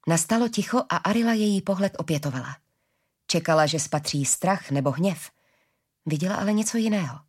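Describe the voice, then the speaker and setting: A woman narrating a story, reading with a steady, even delivery. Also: lowish voice, slightly rough.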